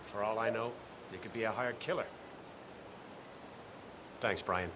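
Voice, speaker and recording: A man's voice: lowish voice, measured pace, noisy background, close to an everyday voice. An actor playing a curt, suspicious, irritable man on guard in a video game. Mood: brisk, suspicious.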